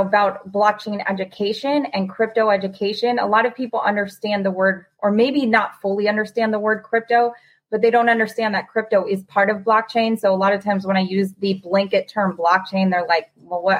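A talkative woman hosting an interview podcast, her voice sitting in an ordinary middle pitch. She speaks with enthusiasm and keeps the conversation flowing. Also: muffled recording. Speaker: podcast host. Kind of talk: casual interview.

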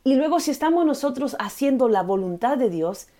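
A woman's voice: high-pitched, lively intonation, a little fast, dark tone. A middle-aged woman hosting a faith talk show, speaking earnestly and casually, slipping English words into her Spanish. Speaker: podcast host.

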